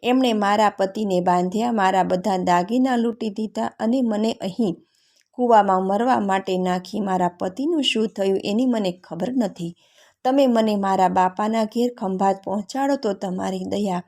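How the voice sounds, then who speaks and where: A woman's voice: mid-range voice, normal speed, darkish tone, natural voice. A woman voicing a trusting young wife in a folk tale, telling her plight in a pleading way.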